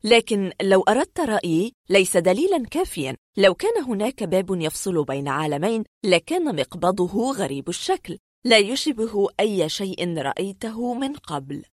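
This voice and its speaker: Expressive woman narrating a story. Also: mid-range voice, moderate pace, dry recording, studio quality. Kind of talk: audiobook narration.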